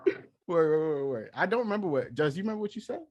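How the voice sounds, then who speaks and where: A man's voice: fairly high pitch, animated, quick pace, a little mellow, no room sound, highs cut off. A man with a Queens, New York accent hosting a casual podcast chat in heavy, profane slang. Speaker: podcast host.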